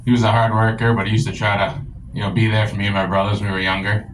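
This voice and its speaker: Crude deadpan young comedian. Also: male voice, fairly low pitch, rapid-fire, slight background noise, poor audio. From rural United States. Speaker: stand-up comedian. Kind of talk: stand-up set. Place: comedy club.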